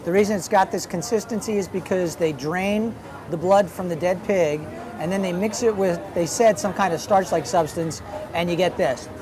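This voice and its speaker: A man's voice: high-pitched, moderate pace. A man hosting a travel show, chatting casually as he tries street food at an outdoor night market. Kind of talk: casual on-location food commentary. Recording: noisy crowd outdoors. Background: busy crowd chatter.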